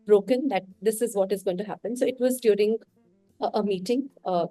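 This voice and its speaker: A warm, mid-range voice from an Indian woman with an Indian English accent comes through poor audio with no echo. As a podcast guest in a casual interview, she speaks candidly and reflectively, talking through what she thinks.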